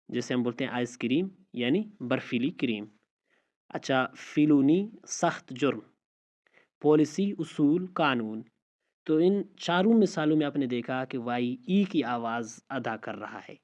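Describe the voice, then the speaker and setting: Man teaching English vowels, slow repetition. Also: mid-range voice, darkish tone. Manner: slow, repeats example words one by one. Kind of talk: spoken language lesson. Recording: slightly dull lo-fi audio.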